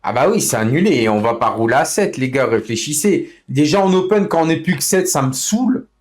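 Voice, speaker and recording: With faint music in the background, a man talks a little fast in a slightly high, lively voice. He's the host of an online racing league, chatting informally with other players on a live gaming stream, complaining in slang and repeating himself as he goes.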